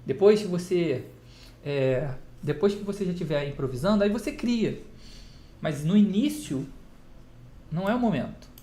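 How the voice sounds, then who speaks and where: A man's voice: high voice, expressive, normal speed, pauses often, dark tone. A man with a Brazilian Portuguese accent, a guitar teacher talking casually to camera and answering his own rhetorical questions. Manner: explains with rhetorical questions and everyday examples, answering them himself. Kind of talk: casual spoken lesson to camera. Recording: echoey room with faint ambient noise.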